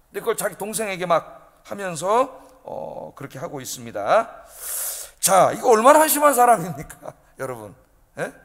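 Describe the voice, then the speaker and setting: A male pastor preaching in a fairly high voice, pressing his points hard and tossing rhetorical questions at his listeners. His words ring out with the long reverb of a church sanctuary. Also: fairly bright tone. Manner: emphatic preaching, often prodding the congregation with rhetorical questions. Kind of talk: sermon.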